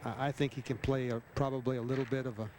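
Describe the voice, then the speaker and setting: A man's voice: mid-range voice, flat delivery, fast talker. A man working as a golf commentator, calling shots live on a television broadcast. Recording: noisy outdoor broadcast on VHS tape.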